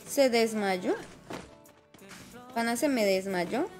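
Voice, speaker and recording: A woman with a high, bright-pitched voice chats through a game live stream. She is talkative and affectionate and keeps greeting viewers by name. Soft music plays faintly underneath. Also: takes it slowly. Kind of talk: casual live-stream chat while playing.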